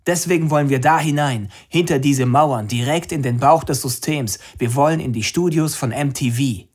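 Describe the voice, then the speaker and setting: A man's voice: medium pitch, moderate pace, a little mellow, pitched above the performer's own voice, lightly acted. A man voicing a young woman activist who declaims an impassioned speech to a crowd from a rooftop.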